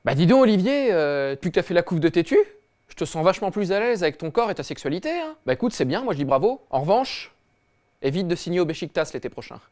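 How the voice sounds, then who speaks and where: Guy hosting a snarky football comedy bit, kinda high voice, cocky slangy and sweary. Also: big pitch swings, fast talker, darkish tone. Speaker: host. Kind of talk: satirical football comedy monologue.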